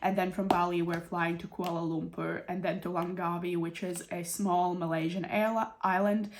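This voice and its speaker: A woman's voice: on the low side, level tone, normal speed. A woman from Europe with a cold, talking casually through a stuffed-up nose as she explains things to her channel's viewers. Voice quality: stuffed-up, congested nasal voice. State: sick with a cold and runny nose. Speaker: budgeting channel host. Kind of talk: casual explanatory vlog talk.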